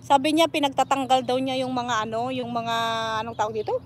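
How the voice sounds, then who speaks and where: High-voiced woman chatting in her garden. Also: fairly quick. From Philippines. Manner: chatty, rambling, reads viewer comments aloud. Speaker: vlogger. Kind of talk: casual live vlog chat. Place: outdoor garden, weeding. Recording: clear outdoor noise with birds.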